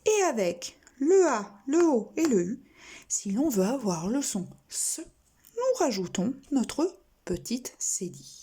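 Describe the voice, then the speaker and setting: Woman, primary teacher, reading lesson, very slow, deliberate, spells out sounds, husky tone. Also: on the high side, very animated, warm tone.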